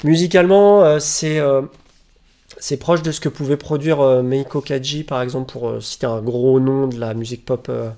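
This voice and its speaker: A man with a gravelly voice at an ordinary pitch talks through his record collection in a casual home vlog. He hesitates often and restarts his sentences. The webcam picks him up at home. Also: fairly even intonation, moderate pace, dark tone. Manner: hesitant, many fillers and restarts. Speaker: vinyl collector presenting records.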